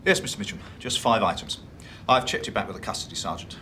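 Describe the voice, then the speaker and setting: A harried police constable who stays deferential. He speaks fast with a lively pitch, and a clear hiss sits under the broadcast track. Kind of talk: 1990s British TV police drama.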